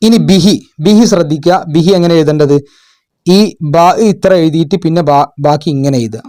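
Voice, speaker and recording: A man tutoring children and parents, going through exam questions in a patient way, asking questions and repeating words slowly. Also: a little high, warm tone. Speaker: madrasa tutor. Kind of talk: explaining exam answers.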